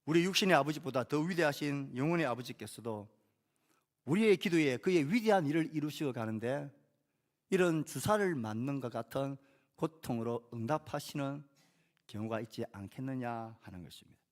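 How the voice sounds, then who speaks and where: A male pastor delivers a sermon at a measured pace, raising key phrases and letting his sentences settle gently while posing rhetorical questions to the congregation. His pitch is medium and his intonation lively.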